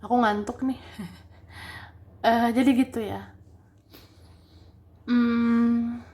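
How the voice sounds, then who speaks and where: A woman's voice: fairly high pitch, fairly even intonation, very slow, a little mellow. A woman giving a casual tarot reading, chatty, restating each point several times and laughing often. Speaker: tarot reader.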